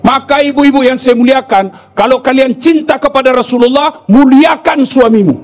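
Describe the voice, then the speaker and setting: A man preaching a humorous sermon. He acts out the jokes in different voices and turns to shouted scolding of the women in the audience. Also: very high-pitched, normal speed. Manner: playful, switches to shouted scolding of the women listeners. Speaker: Islamic preacher.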